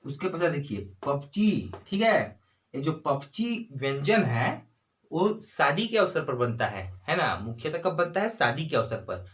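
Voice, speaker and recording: Chhattisgarhi hindi guy teaching exam tricks, kinda high voice, keeps going "theek hai, hai na". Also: big pitch swings, a little slow, fairly bright tone. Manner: repeats "ठीक है" and "है ना", asks and answers own questions. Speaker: exam tutor. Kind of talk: exam-prep lesson.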